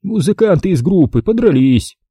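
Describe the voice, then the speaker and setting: A hopeful, reassuring father with an easy, upbeat lift, put on by a man reading an audiobook. The tone is dark and mellow with a husky edge. The sound is dry and close. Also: high voice, sing-song, normal speed, no echo, pitched above the performer's own voice, exaggerated voice. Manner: cheerful and reassuring.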